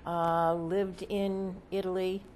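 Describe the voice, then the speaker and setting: Female seance medium, lower-pitched, casual and halting explainer, seeks confirmation often, some background noise. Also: flat delivery, a little mellow. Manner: seance medium talking plainly about channeling, haltingly, often checking with "okay?". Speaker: trance channeler, seance medium being interviewed.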